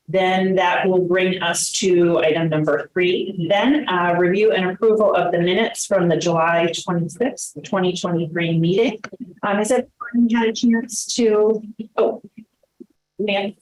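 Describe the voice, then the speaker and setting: In a roomy, echoey meeting room, a woman with a lowish, steady, slightly mellow voice chairs a town committee meeting. She talks at a slow pace, full of fillers and hesitations as she runs the public session.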